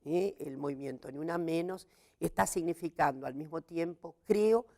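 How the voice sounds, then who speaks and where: A woman from Argentina, a gender studies scholar, giving a measured academic talk for a seminar, pausing often with hesitant fillers. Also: low voice, warm tone.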